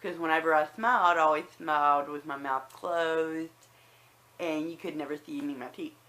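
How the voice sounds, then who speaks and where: In a low, a bit bright voice with fairly even intonation and a moderate pace, a woman vlogger casually recounts a personal story to viewers. She tends to act out remarks she recalls, and some words come out with a slight whistle.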